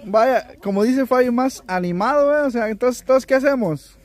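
A man's voice: very high voice, moderate pace. A man with a Guatemalan accent chatting casually and jokingly with his family and viewers. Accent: Guatemalan Spanish. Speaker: vlogger, taco seller. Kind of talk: casual chat.

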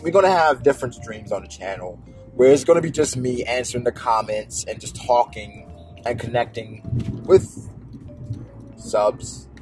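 A man's voice: medium pitch, darkish tone. A man talking casually while driving, rambling with many restarts and fillers as he speaks to his viewers. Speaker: anime YouTuber. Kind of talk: casual car vlog monologue. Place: driving in a car. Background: faint background music.

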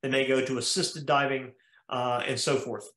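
A man's voice: medium pitch, steady tone, moderate pace, a bit bright. American man lecturing in an echoey room. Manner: methodical, explanatory, frequent uh fillers. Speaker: cardiologist lecturing at a diving conference. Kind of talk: slide lecture over video call. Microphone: video call.

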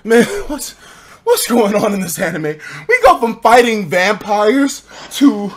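An American man in his twenties chatting and reacting casually on a livestream, expressive, slangy and profane. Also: high-pitched, unhurried. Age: 20s. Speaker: livestreamer reacting to videos and reading chat. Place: indoor streaming room.

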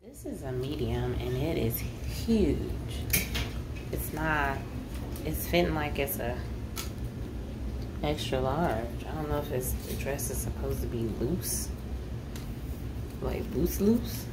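A woman's voice: very deep voice, lively intonation, takes it slowly, pauses often. An American woman in her thirties, vlogging on a phone and talking frankly to herself as she tries on clothes. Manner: frank, sassy, talks to herself while trying on clothes. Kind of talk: casual vlog chat. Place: store fitting room, then car and street. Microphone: phone held in hand. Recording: phone audio with clear background noise.

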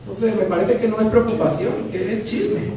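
Man, pastor, animated sermon, booming echo, faint hiss behind. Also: moderate pace. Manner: animated, acting out dialogues with humor. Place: church sanctuary. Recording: very echoey church from a distance, faint noise.

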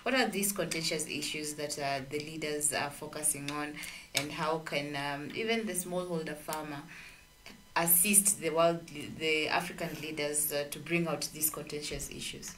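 A woman's voice: sits low, steady tone, moderate pace, far from the mic, background noise. A woman, co-hosting a radio discussion and asking long, winding questions with fillers. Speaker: radio co-host. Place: radio studio with red walls. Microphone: studio boom mic.

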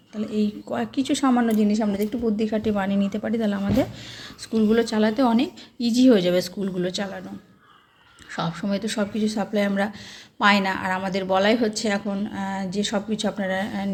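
A woman talks through a simple craft in an easy, unhurried way, pausing on fillers as she explains each step. Her pitch sits in an ordinary middle range. A faint hiss of background noise runs under her voice. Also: a little mellow. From Bengal. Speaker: anganwadi preschool worker. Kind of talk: casual craft tutorial.

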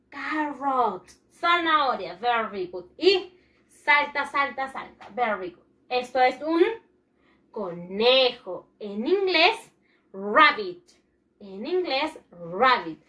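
A woman teaches English to young children, her high voice rising and falling in a lively, sing-song way. She speaks slowly and deliberately, often voicing the pupils' answers herself to keep the lesson going. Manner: animated, sing-song, acts out pupils' replies. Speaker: primary school English teacher.

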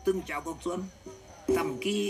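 A man with a Southern Thai accent, performing a comic shadow-puppet play in rough, joking banter. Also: normal speed, low-quality recording. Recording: loud folk music behind.

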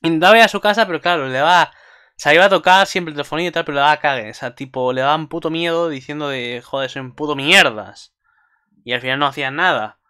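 A man's voice: a little high, rapid-fire, pushed and bright, clean tone. A man casually recapping an anime episode for his channel, rambling and swearing freely with asides to viewers.

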